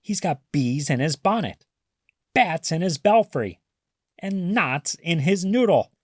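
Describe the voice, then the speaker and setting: A man acts out a scandalized storybook neighbor, indignant and exclaiming. The pitch jumps high and swings widely, with each phrase stretched slowly for emphasis. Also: lively intonation, a little mellow, no echo, studio quality. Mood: mocking. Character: indignant, scandalized neighborhood crowd of ordinary townspeople. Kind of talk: storybook character voice.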